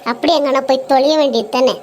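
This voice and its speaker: A woman's voice: sits high, steady tone, racing, darkish tone, slight background noise. A woman voicing a struggling, weary mother in a cartoon story, speaking earnestly and sometimes tearfully.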